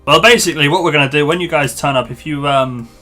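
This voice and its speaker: Matey male game streamer, bright voice. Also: on the high side, fast talker, faint music behind. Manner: matey, informal address to the group. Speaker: live streamer, host. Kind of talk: casual live gaming commentary, chat with viewers.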